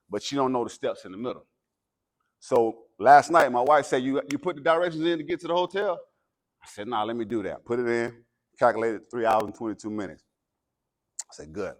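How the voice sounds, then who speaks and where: An American man delivering a pregame pep speech as a guest motivational speaker, preacherly and emphatic. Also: fairly low pitch. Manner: preacherly, emphatic, builds from calm talk to loud exhortation.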